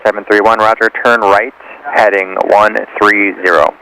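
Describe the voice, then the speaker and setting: Lowish-voiced male approach controller on radio. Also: level tone, moderate pace, very noisy. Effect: aircraft radio. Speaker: air traffic approach controller. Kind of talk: clipped procedural radio instructions. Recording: faintly humming aircraft radio.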